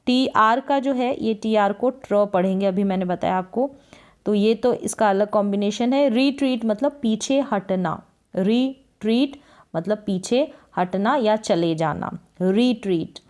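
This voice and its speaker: A woman teaching a lesson that spells out English words slowly, asking questions and answering them herself. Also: mid-range voice, a little mellow. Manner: slow, drawn-out spelling of each word, then repeats the meaning. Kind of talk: spoken Hindi lesson on reading English words.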